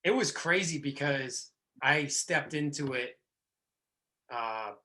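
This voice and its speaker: A man's voice: fairly high pitch, lively intonation, takes it slowly, sharp tone. A man in his thirties hosting a podcast, talking casually and rambling with many restarts. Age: 30s. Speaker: podcast host. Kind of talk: casual chat.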